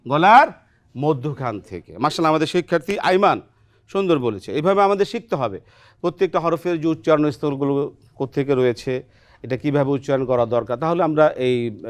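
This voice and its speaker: A patient, encouraging Quran teacher speaks in a steady, middle-pitched voice. The lesson is taught in a television studio. The teacher keeps quizzing the students and checking with a quick "right?". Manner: quizzes students, often adds a questioning "right?". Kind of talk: children's Quran pronunciation lesson.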